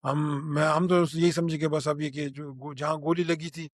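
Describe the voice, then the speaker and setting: An older man tells what he saw in a halting spoken recollection, full of restarts and pauses. His voice sits fairly high for a man. The recording is close and dry, with no room sound. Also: flat delivery, no echo. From Pakistan. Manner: halting, with many restarts and fillers. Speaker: eyewitness.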